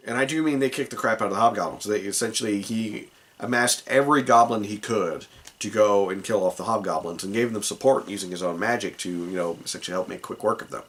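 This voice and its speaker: A man's voice: fairly low pitch, a bit bright. A man recounting a tabletop game session as the dungeon master, rambling with many asides. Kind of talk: casual tabletop game recap.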